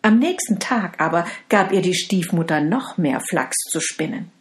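A woman telling a fairy tale in an expressive, deliberate way, addressing her listeners. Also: fairly low pitch. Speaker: storyteller.

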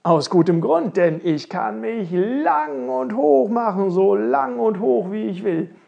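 A storyteller voicing a tall, skinny, cheerful male helper who can stretch himself, calling out loudly and eagerly in a fairy tale. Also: medium pitch, lively intonation, slow, gravelly, dull audio, voice pushed up, heavily acted. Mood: eager shouting. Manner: shouting, eager and boastful.

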